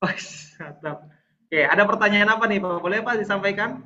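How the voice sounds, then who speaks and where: A high-pitched man with a bright, forceful tone leads an online training session. He talks in a chatty way, constantly addressing his listeners. The audio is dull and lo-fi, like a video call. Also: a little fast, a little hiss or hum. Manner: chatty, addresses audience as sir and madam often.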